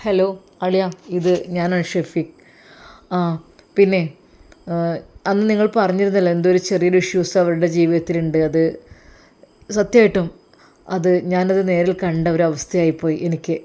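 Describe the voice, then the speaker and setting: Woman doing a strict tired husband, malappuram accent, pitch pushed down, quiet and firm. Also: flat delivery, moderate pace, pauses often, lightly acted. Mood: firm phone call. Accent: Malappuram Malayalam. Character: stern religious husband, firm and weary.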